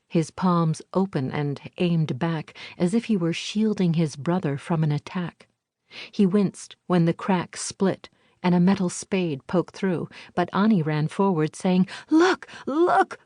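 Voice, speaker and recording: A woman reading a historical novel aloud in a measured, even storytelling manner. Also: fairly low pitch, dry recording, studio quality. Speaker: audiobook narrator. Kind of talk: scripted narration. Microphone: close studio mic.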